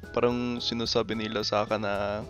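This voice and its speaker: A man in his twenties from Canada chatting casually in choppy, deliberate phrases, with a non-native Tagalog accent. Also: lowish voice, a bit bright. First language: English. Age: 20s. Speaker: video maker talking with strangers online. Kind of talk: casual chat.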